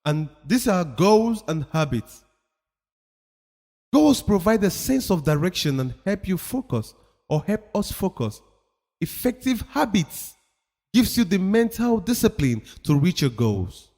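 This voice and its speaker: A man's voice: high voice, sing-song, measured pace, warm tone. A man giving a motivational talk, emphatic and preachy, repeating his points for effect. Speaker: motivational speaker. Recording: long reverb of a hall.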